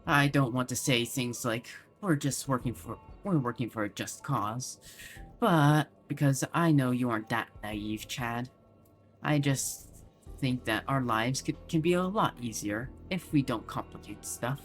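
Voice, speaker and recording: A man voicing a confident male corporate figure, reading game dialogue aloud in a brisk, persuasive way. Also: medium pitch, faint music behind, lightly acted.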